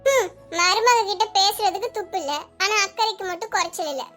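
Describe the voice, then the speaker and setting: A sharp-tongued middle-aged village wife, voiced by a woman in an animated drama. She retorts in a bickering way, her voice very high and bright. Music runs behind. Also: fairly quick.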